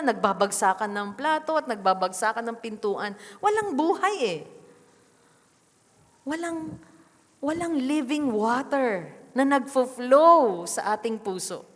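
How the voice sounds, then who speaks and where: Filipino woman preaching in a church hall. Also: a little high. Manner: mixes English into Tagalog, asks the congregation questions. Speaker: pastor. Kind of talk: sermon. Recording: long reverb of a church hall.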